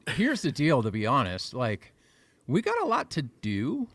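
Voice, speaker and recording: A man's voice: medium pitch, wildly swooping pitch, measured pace, a bit bright, slightly rough, no room sound. A man hosting a livestream in casual chat, joking and talkative. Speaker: show host.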